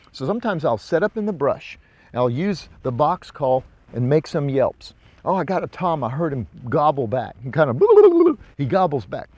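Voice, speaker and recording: A male hunting instructor with a fairly high but darkish-toned voice presents a casual, hands-on outdoor demonstration, explaining in a homespun, informal way. The setting is brush beside a ravine, and the recording is dry.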